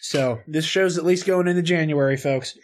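A man's voice: fairly high pitch, moderate pace. A man co-hosting a casual podcast, reading an article aloud with a joking, swearing manner. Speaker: podcast co-host.

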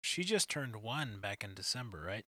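Bright-voiced young man hosting a chat. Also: fairly low pitch, sing-song, normal speed, breathy edge, no echo. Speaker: podcast host. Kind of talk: casual chat.

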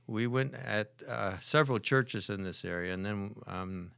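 An older man from Michigan speaks in a low voice, pausing and restarting often as he tells his story. He is a guest on a church podcast. The sound is dry and close. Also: vocal fry, a bit bright, smooth, no room sound. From Michigan, USA. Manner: hesitant, halting with restarts. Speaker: guest, church prayer team member. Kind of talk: casual podcast interview.

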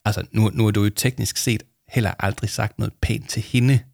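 A man's voice: lowish voice, fairly even intonation, vocal fry, a little mellow, no echo, clean studio sound. A man doing a mumbling shy teenage boy. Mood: hesitant. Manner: mumbling, hesitant.

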